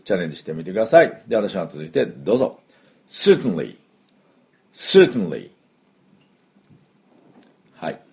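Lively low-voiced man teaching English phrases. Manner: explains patiently, models English phrases slowly for repetition. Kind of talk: spoken English lesson.

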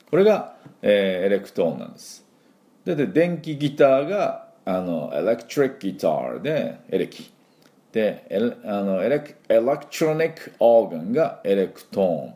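A man with a low, gravelly voice teaches English pronunciation, sounding out each syllable for his listeners to repeat. His tone is dark and mellow, and his pitch swings widely as he demonstrates the sounds. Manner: drills sounds aloud, has listeners repeat after him; chatty and encouraging, with filler words. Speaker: English school principal and teacher.

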